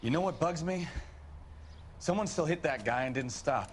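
An actor playing a plain-talking American patrol officer in a 1940s crime game. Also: male voice, on the high side, lively intonation, moderate pace, a little hiss or hum, close to an everyday voice. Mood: concerned. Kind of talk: period crime game acting.

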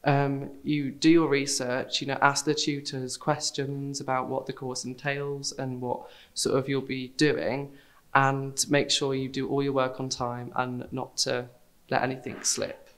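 A young man gives an interview as a student performer. His delivery is plain and slightly hesitant, with very little movement in pitch. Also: monotone, unhurried, a bit bright. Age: young adult. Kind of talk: on-camera interview. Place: indoors on a theatre stage set.

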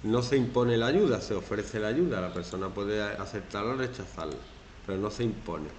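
A man from Spain teaching a classroom lesson, animated and acting out quoted phrases in mocking voices. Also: on the low side, moderate pace, echoey room, slight background noise.

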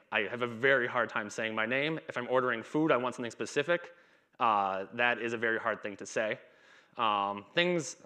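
A conference speaker in his thirties talks casually from a dark stage in a conference hall, his delivery broken by stutters, repetitions and blocks. He has a mid-range voice with a bright, forceful tone.

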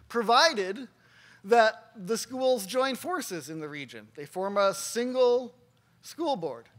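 A man giving a keynote talk at a conference gathering, telling a story earnestly and pausing for emphasis. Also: high voice, a bit bright. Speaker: keynote speaker.

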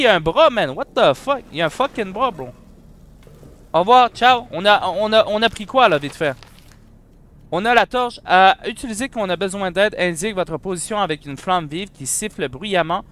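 A young man with a Quebec French accent, giving excitable commentary while playing a horror game and bantering with the monster. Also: high-pitched. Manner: excitable, shouts and jokes at the monster. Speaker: let's play gamer.

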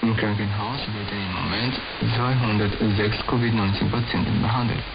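A man with a low voice reads the news in a steady, formal way. He comes through a shortwave AM radio broadcast, so the sound is muffled and a heavy hiss of static sits under every word. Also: normal speed. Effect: heard over shortwave AM radio. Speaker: newsreader. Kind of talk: read radio news bulletin.

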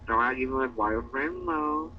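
A man's voice: medium pitch, measured pace, very noisy. A man from the Philippines teasing coworkers in mocking banter, growling "arr" and laughing often. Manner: taunting, repeatedly growls "arr" in mockery. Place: indoor room. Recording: distant, dull lo-fi recording.

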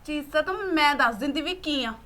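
An actress playing a quarrelsome young wife who answers back sharply, in a Punjabi accent. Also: female voice, fast, sharp tone. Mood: defiant. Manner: shrill, defiant back-talk. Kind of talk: Punjabi web series acting.

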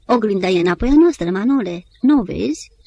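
A woman narrator voicing a sad young woman who speaks softly and urges him along. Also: mid-range voice, lively intonation, vocal fry. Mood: urging. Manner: soft, pleading.

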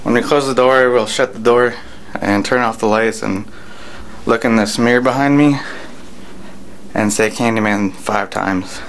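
A man in his twenties speaking casually to camera in a halting, hesitant way, explaining a challenge as a vlogger. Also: medium pitch, fairly bright tone. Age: 20s. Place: small home bathroom at night. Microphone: handheld camera at arm's length. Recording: noisy small-room camera audio.

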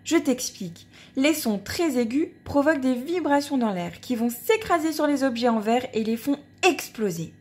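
A woman narrating a children's storybook aloud in a playful, expressive read-aloud style. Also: high voice, moderate pace, few pauses. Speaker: storybook reader.

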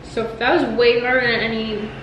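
A young woman with a fairly high voice gushes with enthusiasm as she tastes and chats. She sounds distant from the camera in an echoey home kitchen. A steady hiss sits behind her voice. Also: fairly quick. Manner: enthusiastic, gushing with praise. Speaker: cooking vlog co-host. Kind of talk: casual chat while cooking. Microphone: far camera.

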